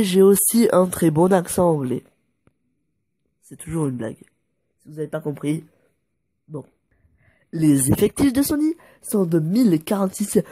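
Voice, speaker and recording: A man's voice: high-pitched, warm tone, breathy edge, dry recording. A man presenting a casual fact video, making joking asides and stumbling over numbers before correcting himself. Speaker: YouTuber presenting facts.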